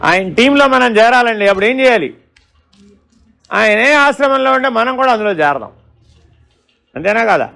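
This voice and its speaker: Male spiritual teacher, high-pitched and gravelly, questioning, storytelling discourse. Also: lively intonation, moderate pace, pauses often, pushed and bright. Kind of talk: Vedanta discourse.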